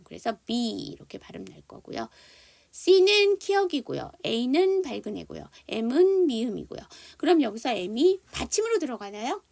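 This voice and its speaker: A woman's voice: on the high side, vocal fry, a little mellow. A woman teaching an online English phonics lesson, explaining spelling and sounds and leading students through repetition drills.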